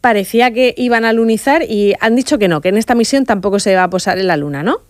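A woman's voice: a little high, fast, no room sound, studio quality. A woman with an accent from Spain, interviewing informally as a radio host in a chatty, colloquial way. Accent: Spanish from Spain.

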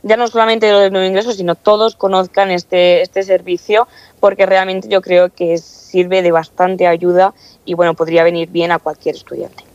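A woman in her early twenties from Castilla-La Mancha, Spain, speaks with a Spanish accent from Spain as a student council president being interviewed, answering earnestly. Her voice is lowish and darkish, with little pitch movement and a normal speed, and the recording is muffled.

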